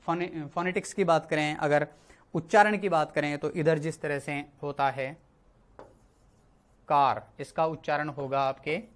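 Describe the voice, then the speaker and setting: A man's voice: fairly high pitch, fairly even intonation, measured pace. A male teacher explaining an English lesson, repeating key words and checking in often. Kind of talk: spoken Hindi classroom lesson.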